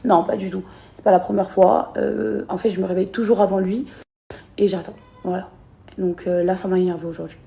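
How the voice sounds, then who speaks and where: Upset woman venting, with a creaky voice. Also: medium pitch, flat delivery, brisk, mellow. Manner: agitated, repetitive, slangy and blunt. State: upset and irritated. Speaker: vlogger talking to followers. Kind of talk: casual to-camera vent.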